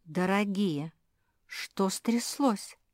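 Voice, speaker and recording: A woman voicing a gentle motherly woman who keeps the cats, soft and soothing in manner. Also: mid-range voice, very slow, no echo, studio quality, voice pushed up.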